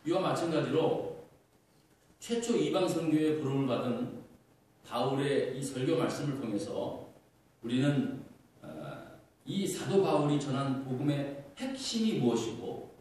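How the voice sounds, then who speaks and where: A man's voice: medium pitch, a little mellow, a little hiss or hum. A middle-aged male pastor delivering an earnest sermon, asking rhetorical questions and using fillers. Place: church sanctuary. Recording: echoey church hall, far from mic.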